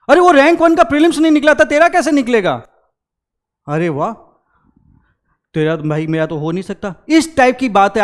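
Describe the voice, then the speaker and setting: Young male coach, higher voice, lively storyteller who acts out the characters. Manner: animated, acts out quoted characters. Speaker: exam-prep educator. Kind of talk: motivational talk with storytelling.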